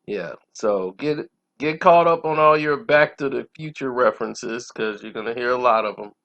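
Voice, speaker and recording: The sound is dull and lo-fi as a man runs a casual movie review on his channel, chatting informally about what he thinks. He has a medium pitch, moderate pace, and a fairly bright tone.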